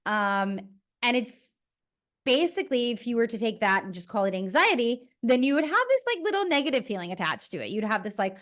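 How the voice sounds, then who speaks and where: A woman's voice: a little high, sing-song, fairly quick, fairly bright tone. A woman from Toronto, a personal trainer talking in a casual, rambling monologue full of fillers. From Toronto, Canada. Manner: chatty and rambling, with many fillers.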